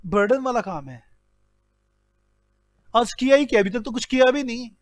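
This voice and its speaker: Man, high voice, dry close sound, teaching an accounting class, teasing, mock-scolding, rhetorical questions. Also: moderate pace, dry recording. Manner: animated, playfully scolding. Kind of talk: classroom lecture.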